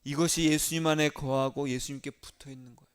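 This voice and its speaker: A man preaching a sermon as a pastor, putting questions to the congregation and answering them himself. He shifts between loud emphasis and soft, low asides. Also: steady tone, fast, clear, resonant tone.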